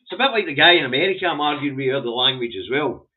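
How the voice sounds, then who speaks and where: Over muffled, phone-like narrow-band audio with a little hiss or hum, a man reviews the day's newspaper front pages for his vlog. He talks fast in a medium-pitched voice with lively intonation, delivering blunt, sweary, rambling opinions in a broad Scottish accent. His first language is Scots.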